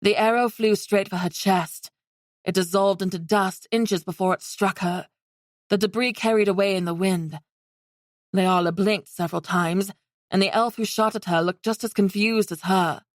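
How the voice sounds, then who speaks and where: Woman audiobook narrator, middle pitch, steady even reading, dry close recording. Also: normal speed, no echo. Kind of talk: scripted narration.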